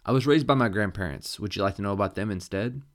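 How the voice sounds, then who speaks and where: A man's voice: fairly low pitch, fast, close to an everyday voice. Man reading as a nervous, stammering young man. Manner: hesitant and stammering. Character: nervous, unsure young man at a job interview.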